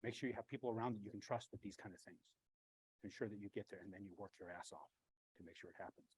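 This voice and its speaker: Husky man telling a story. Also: lowish voice, quick pace, dry recording, low-quality recording. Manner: blunt, swears freely, animated storytelling. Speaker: loan officer and branch manager giving a talk. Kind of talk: motivational storytelling talk.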